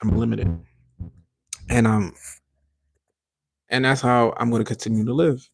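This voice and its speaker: A man with a husky, gravelly voice hosts a casual solo podcast. He rambles, laughs off his own points and slips into quoted voices between slangy asides. His pitch sits in a middling range. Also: measured pace. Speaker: podcast host.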